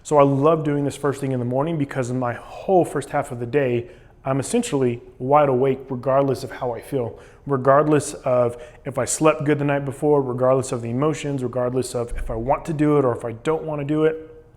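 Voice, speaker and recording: A man's voice: medium pitch, fairly even intonation, brisk, a little mellow. A man talking casually and explaining things in a vlog monologue while sitting in ice cold water. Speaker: vlogger documenting a cold plunge challenge.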